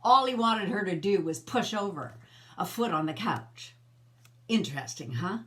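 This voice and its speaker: A woman's voice: fairly low pitch, lively intonation, normal speed, a bit bright. Middle-aged woman coaching straight to camera. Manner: conversational and coaching, asks viewers questions. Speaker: host of her own personal growth channel. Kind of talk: casual talk to camera.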